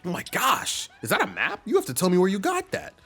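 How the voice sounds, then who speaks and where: A man's voice: sits high, brisk, soft background music, voice pushed up, exaggerated voice. A man doing a bubbly young goomba girl. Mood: excited. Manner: bubbly, excitable. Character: perky young female goomba student.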